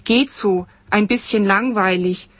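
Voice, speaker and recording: A woman's voice: medium pitch, measured pace, a bit bright, dry recording. A woman reading aloud from her novel, voicing a flustered married woman in her thirties who speaks hesitantly. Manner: hesitant, stammering.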